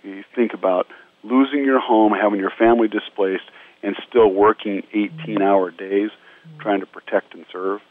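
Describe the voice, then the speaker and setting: A man's voice: fairly low pitch, steady tone, normal speed, dry recording. A man earnestly recounting his disaster relief work in a radio interview. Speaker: disaster relief medical team member. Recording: narrow phone-line sound.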